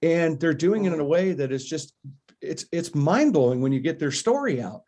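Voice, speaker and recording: A man's voice: fairly high pitch, lively intonation, normal speed, darkish tone. An American man hosting a podcast, chatting enthusiastically with a guest, joking and rambling. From United States. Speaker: podcast host. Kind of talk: casual chat.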